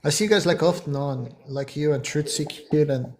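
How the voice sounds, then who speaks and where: A man's voice: fairly high pitch, moderate pace. Hesitant man hosting a livestream chat. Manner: hesitant, filler-heavy questions. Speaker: livestream host. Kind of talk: casual chat.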